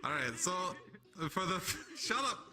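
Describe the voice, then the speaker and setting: A man speaking in improvised role-play as a group's leader, haltingly, often stumbling over his words. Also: sits high, big pitch swings, pushed and bright. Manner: halting, stumbles through reading aloud. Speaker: group leader addressing a room in a live roleplay.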